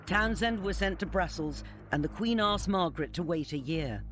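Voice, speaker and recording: A man's voice: high-pitched, lively intonation, a bit bright. Man narrating a documentary over music. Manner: measured, formal. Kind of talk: scripted narration.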